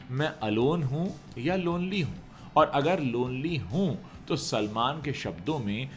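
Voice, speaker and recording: Male commentator, medium-pitched voice, chatty direct address to viewers, faint music underneath. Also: a bit bright. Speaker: entertainment news commentator. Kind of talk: conversational news commentary.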